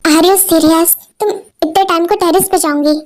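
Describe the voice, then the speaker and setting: A woman's voice: very high voice, fairly even intonation, a little slow, darkish tone, no echo, soft background music. A woman voicing a cold, irritable young husband who talks in short, scolding lines. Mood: annoyed. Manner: curt, scolding.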